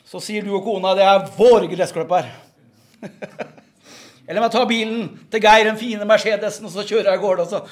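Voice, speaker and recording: A man with a very high-pitched voice preaches a fervent revival sermon. He stumbles over repeated words and drops amens between his points as he testifies.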